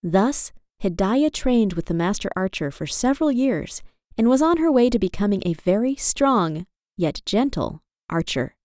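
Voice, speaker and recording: A woman narrating a children's storybook aloud in an expressive reading style. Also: medium pitch, moderate pace, dry recording, studio quality.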